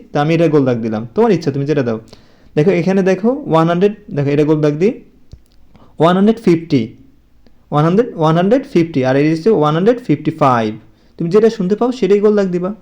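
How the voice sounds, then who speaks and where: A man's voice: a little high, darkish tone. A man giving a casual spoken English lesson to young pupils, repeating numbers patiently and often checking with "okay?".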